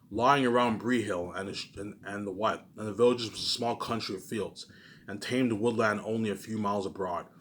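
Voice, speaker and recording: A video creator is doing a book readalong, casually reading aloud to his viewers. He often stumbles, repeats words, and breaks off into emphatic rhetorical asides. His voice is fairly low, pushed and bright, with slight background noise.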